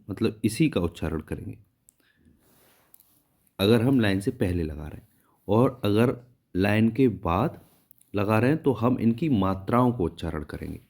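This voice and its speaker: Guy teaching shorthand slow and patient, lowish voice, keeps saying ok. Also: darkish tone. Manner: patient, repeats "ठीक है" to check understanding; counts and names the strokes as he draws them. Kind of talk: step-by-step tutorial explanation.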